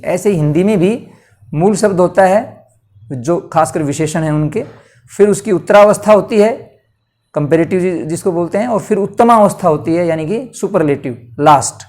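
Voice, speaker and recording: A man teaching a Hindi grammar lesson, explaining slowly and asking and answering his own questions. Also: sits high, a little mellow.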